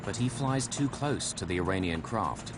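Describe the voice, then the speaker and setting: Guy narrating a dramatic documentary, lowish voice, music running underneath. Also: expressive, moderate pace. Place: voice-over recording.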